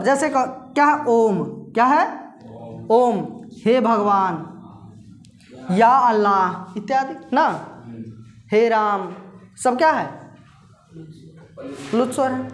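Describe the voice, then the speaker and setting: A woman teaching a Hindi grammar lesson who asks her class questions, answers them herself and slowly repeats the key terms. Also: high-pitched, reverberant.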